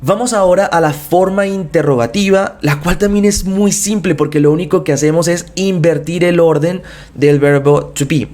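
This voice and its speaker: A man, explaining English grammar step by step and slowly drawing out each English example phrase. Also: a little high, darkish tone. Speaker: English teacher. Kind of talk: bilingual grammar lesson.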